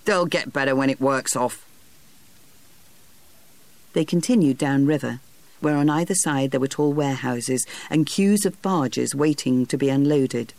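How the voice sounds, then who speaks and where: Male audiobook narrator, steady and measured, slightly high voice, dry close sound. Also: no room sound.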